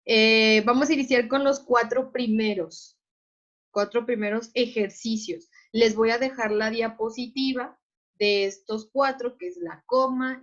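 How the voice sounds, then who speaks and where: A woman teacher, patiently explaining to her class and often checking that students follow. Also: on the high side. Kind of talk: online class lecture. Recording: muffled lo-fi audio.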